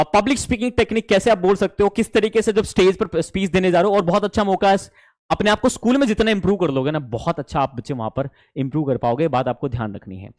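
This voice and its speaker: A young adult man with an Indian accent, teaching an online spoken English class in an animated way and mixing English phrases into Hindi. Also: high voice, no room sound, clean studio sound.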